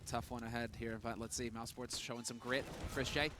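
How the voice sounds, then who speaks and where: A man's voice: mid-range voice, level tone, a little fast. A man working as an esports caster, giving urgent, running play-by-play commentary on a live match. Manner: running, urgent narration of the action.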